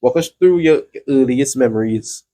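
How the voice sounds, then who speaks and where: A man's voice: mid-range voice, moderate pace, warm tone. A male host asking questions in a playful, joking way. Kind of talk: casual interview chat.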